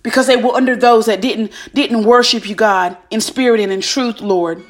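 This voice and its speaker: Over background music, a woman leads prayer like a preacher, fervent and commanding, punctuating her lines with repeated calls on God. Her voice is fairly high and moves at a moderate pace.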